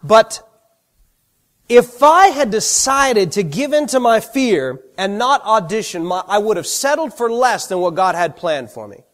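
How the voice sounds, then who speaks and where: A man preaching a sermon, telling personal stories with animated, self-deprecating humor. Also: high voice, a little slow.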